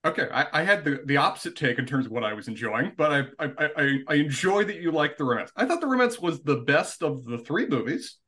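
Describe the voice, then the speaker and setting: A man's voice: a little high, lively intonation, brisk, few pauses, bright, forceful tone. A man co-hosting a casual podcast, talking in an analytical way with stumbling restarts. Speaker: podcast co-host.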